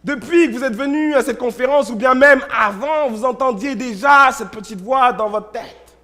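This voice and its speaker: A high-pitched man preaching in a church. He tells stories, repeats words in bursts and swings between loud and hushed delivery. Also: moderate pace. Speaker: pastor. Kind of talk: sermon.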